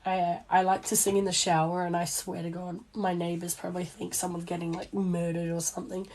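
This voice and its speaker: Sewing at home on a livestream, a young Australian small business owner and crafter talks in a chatty, rambling, self-deprecating way. Her lowish, darkish voice is hoarse and failing after illness, yet brisk and level in tone. Clicking sounds and noise fill the room.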